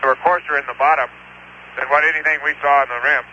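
A man reporting rock observations over a radio link, talking haltingly with many pauses and restarts. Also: on the high side, fairly even intonation, pushed and bright. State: talking while eating. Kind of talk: live radio exchange, thinking aloud. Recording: muffled radio transmission with hiss.

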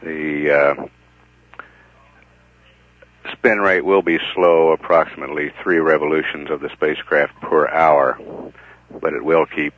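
Very deep-voiced male mission commentator, measured delivery with halting pauses, heard over a thin radio transmission like a communicator. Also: fairly even intonation, no echo. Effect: narrowband radio transmission sound, like a communicator. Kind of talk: live mission status commentary. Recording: tinny phone-like archival radio feed.

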